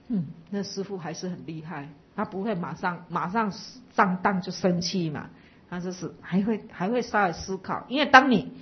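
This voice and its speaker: Buddhist teacher lady, calm explaining tone, asks the audience stuff, kinda muffled old recording. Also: fairly low pitch. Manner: patient, explanatory, asks listeners to reflect. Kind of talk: dharma talk to a live audience.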